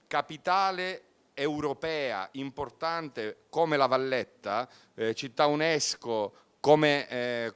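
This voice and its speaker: A man's voice: on the high side, fairly bright tone, clean tone, no room sound. A man from Sicily speaking earnestly and emphatically as a local official in a formal live interview, promoting an event.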